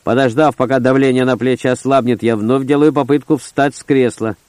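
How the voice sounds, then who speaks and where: A man's voice: mid-range voice, fairly even intonation, a little fast, darkish tone, clean tone, no room sound. A man reading a first-person story aloud in short, terse, gritty phrases. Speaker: audiobook narrator. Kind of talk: first-person audiobook narration.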